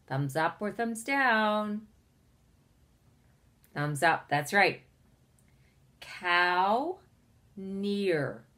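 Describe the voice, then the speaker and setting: Woman teacher, phonics lesson for young children; slow, deliberate, encouraging delivery. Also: on the low side, a bit bright. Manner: slow, carefully enunciated, encouraging.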